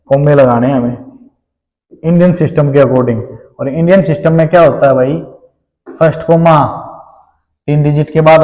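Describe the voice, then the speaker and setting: A man's voice: on the high side, a little mellow. Indian man teaching math in a hall. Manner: explains step by step, often checks in with "ठीक है". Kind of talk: classroom math lesson.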